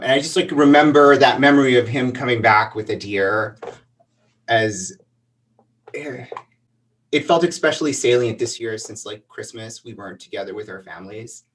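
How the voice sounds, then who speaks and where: A man's voice: medium pitch, a bit bright, recorded from a distance. A man in his thirties from the El Paso and Juarez border region, telling a childhood story in a casual interview, rambling with many fillers. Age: 30s. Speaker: guest.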